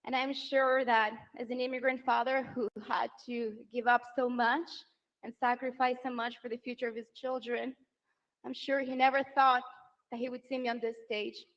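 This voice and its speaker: Her voice is a little high and fairly bright, delivered flatly at normal speed on a muffled recording. The Venezuelan woman, in her thirties, introduces her candidate spouse at a big outdoor rally, speaking emotionally into a handheld mic and working up to applause lines.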